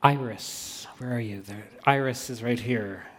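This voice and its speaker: A man's voice: medium pitch, a little slow, a bit bright, long reverb tail. A man hosting a book discussion, asking probing follow-up questions. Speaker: host.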